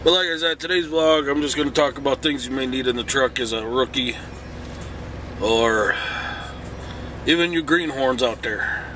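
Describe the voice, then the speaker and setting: A man's voice: medium pitch, moderate pace, pauses often, noisy background. A middle-aged man, sick and groggy as if hungover, talks casually in a folksy, plainspoken way as a truck driver vlogging. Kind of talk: casual vlog talk. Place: truck cab.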